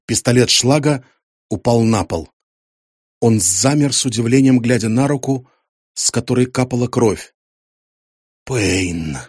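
A man reading a thriller audiobook, telling it with tension and drama. His voice is husky and mid-pitched, and the recording is dry and close. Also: moderate pace, darkish tone, no room sound. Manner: dramatic, tense storytelling. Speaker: audiobook narrator.

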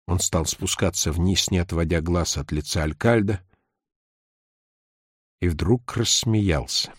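A man narrating an audiobook in a measured, even reading on a close mic. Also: low-pitched, slightly rough, dry recording. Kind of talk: scripted narration.

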